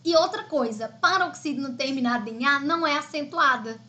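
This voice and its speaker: A woman's voice: sits high, fairly quick, sharp tone. A Brazilian woman teaching Portuguese in a live online exam-prep class, explaining step by step in a chatty way.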